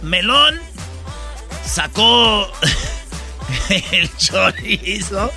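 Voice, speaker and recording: A man's voice: high voice, expressive, drawn-out words, pushed and bright, soft background music. A man hosting a comedy radio show, playful and giggly, repeating his own jokes. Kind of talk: joking radio banter.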